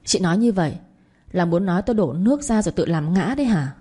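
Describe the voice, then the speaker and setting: A woman voicing a bossy older mother-in-law who scolds in a shrill, accusing voice. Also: expressive, quick pace, warm tone, husky. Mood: scolding. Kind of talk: audio story reading.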